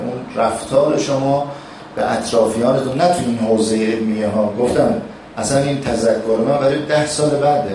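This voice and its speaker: Man, stern seminary lecture, emphatic scolding, booming hall echo, distant mic. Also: a little mellow, slight background noise. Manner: admonishing, emphatic, rising for stress. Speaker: seminary teacher. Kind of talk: classroom sermon. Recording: echoey hall from far off.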